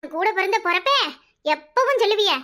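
A woman's voice: very high-pitched, expressive, fairly quick, sharp tone, exaggerated voice. A woman with a Kanyakumari Tamil accent voicing a married sister in a cartoon, sarcastic and self-pitying. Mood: wounded, sarcastic.

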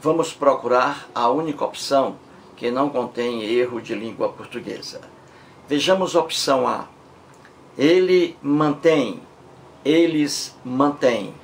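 A man teaching a Portuguese grammar lesson, working through a test question slowly and repeating each verb form step by step. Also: mid-range voice, gravelly, a little hiss or hum. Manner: slow, repetitive, spelling out forms step by step.

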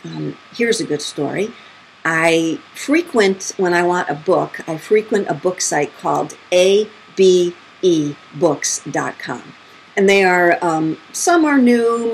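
Middle-aged woman medium, casual storyteller, low and gravelly, faint tape hiss. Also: poor audio. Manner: chatty, acts out quotes with big pitch jumps. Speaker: spirit medium.

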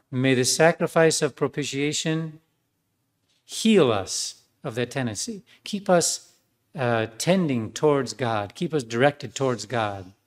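Earnest priest giving a sermon. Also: male voice, medium pitch. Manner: earnest, with fillers and restarts.

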